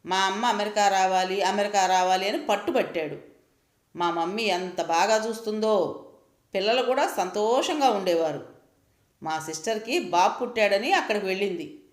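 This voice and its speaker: A woman voicing a sharp-tongued young mother who scolds and accuses her mother-in-law in a storybook reading. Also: mid-range voice, moderate pace, roomy sound, lightly acted. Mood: accusing.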